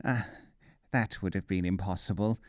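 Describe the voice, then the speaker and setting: A man voicing a wily, self-satisfied mullah from a folk tale, speaking deliberately and matter-of-factly. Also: low voice, fairly even intonation, dry recording, clean studio sound, close to an everyday voice. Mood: boastful, sly.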